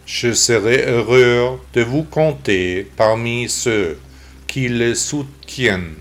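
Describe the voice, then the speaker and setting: Host voice: male text-to-speech computer voice, unhurried, even machine delivery. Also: mid-range voice. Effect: synthetic computer voice, text-to-speech. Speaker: podcast host. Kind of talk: scripted podcast intro and outro.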